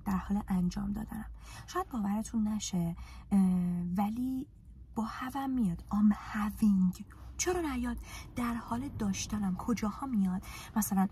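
Woman, Persian accent, English teacher, casual live lesson, lively and teasing, faint background hiss. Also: on the high side. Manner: lively, coaxing, teasing students.

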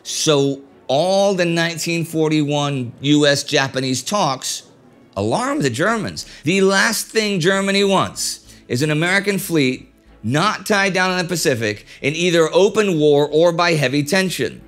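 Seated at a desk on an indoor studio set made to look like an office, a middle-aged man with a lapel mic hosts a history show, delivering a script conversationally with wry asides. His fairly high, a bit bright voice has lively intonation and an unhurried pace, and faint music plays behind him.

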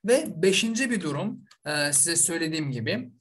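A man's voice: fairly high pitch, animated, a little fast, fairly bright tone. Man drilling English words. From Azerbaijan. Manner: drills words by repeating them, checks in with frequent "okay?". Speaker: English teacher. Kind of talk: online language lesson.

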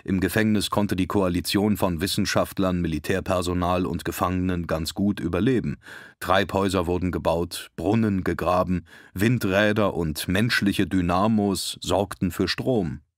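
Hörbuchsprecher, männlich, sehr tiefe Stimme, gemessener dokumentarischer Vortrag. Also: male voice, sits low, fairly even intonation, moderate pace, no echo, clean studio sound. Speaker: audiobook narrator. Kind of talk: scripted documentary-style narration.

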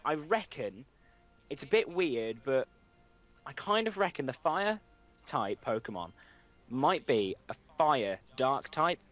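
A man's voice: medium pitch, sing-song, slow pace, a bit bright, faint music behind. Rambling young man chatting over gameplay. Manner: rambling, self-correcting, reads game dialogue aloud. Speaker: let's play host. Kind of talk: casual gameplay chat.

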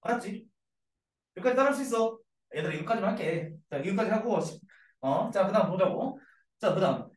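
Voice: medium pitch, animated, brisk. Teacher walking kids through a reading, lots of up and down in the voice, sounds far from the mic. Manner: keeps checking in with students and repeats each point. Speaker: English teacher for middle schoolers. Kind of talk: classroom grammar lecture. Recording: echoey room, mic far off.

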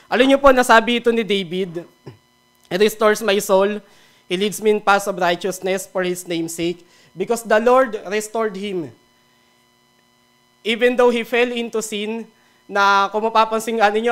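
Filipino male devotional speaker, high voice, relaxed sermon, cracks small jokes. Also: smooth. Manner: mixes Tagalog and English, laughs at his own jokes.

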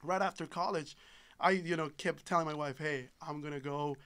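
Speaking at a normal pace, this podcast guest has a smooth, fairly bright voice on the high side with a steady tone. He's a native Spanish speaker from Ecuador in his thirties who runs a solar business, chatting pleasantly in a casual interview recorded in a small padded studio on a boom-arm microphone.

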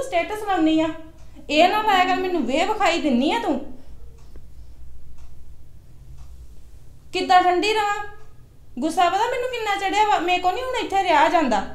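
A woman acting a sharp-tongued older mother-in-law in a family skit, scolding and nagging. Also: very high-pitched, reverberant. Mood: complaining. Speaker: actor in a family comedy skit.

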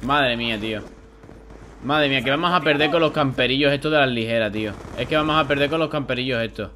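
A young man with a Spain Spanish accent doing live gameplay commentary, excitable and grumbling, swearing when frustrated. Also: medium pitch, quick pace, a little hiss or hum. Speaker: gaming YouTuber.

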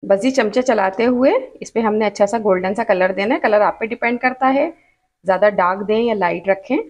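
A woman with a Pakistani Urdu accent talks viewers through a recipe at an easy, steady pace. She explains each step patiently and repeats her cautions so nobody misses them. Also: mid-range voice, fairly quick. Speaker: cooking channel host. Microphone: off-camera voice over hands-only cooking shots.

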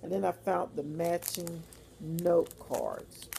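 Woman vlogger, low gravelly voice, casual chatty haul talk, faint hiss. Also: huge pitch swings, slow pace, warm tone. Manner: chatty, rambling, informal with fillers and asides. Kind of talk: casual haul video chat. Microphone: phone or webcam.

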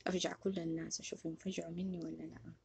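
A woman giving chatty, excitable game commentary to her viewers. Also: lowish voice, rapid-fire, gravelly, husky. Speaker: gaming YouTuber.

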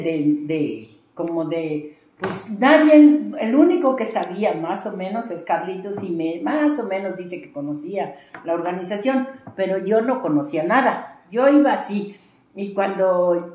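A woman's voice: medium pitch, a little mellow, roomy sound. A woman with a Mexican accent, a traditional healer, telling a long story in an interview with many fillers and restarts.

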